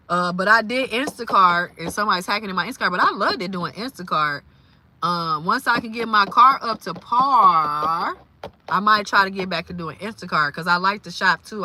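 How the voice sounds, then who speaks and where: A woman, talking casually about faith on a livestream, lively and quick to exclaim. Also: on the low side, a little hiss or hum. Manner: lively, exclaims and laughs often. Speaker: live streamer.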